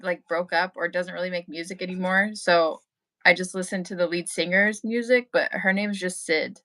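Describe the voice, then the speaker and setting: A young woman crocheting on a livestream, chatting in a hesitant, low-key way with short replies. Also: steady tone, moderate pace, a bit bright. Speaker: knitting and crochet creator, guest co-host. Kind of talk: casual livestream chat while crocheting.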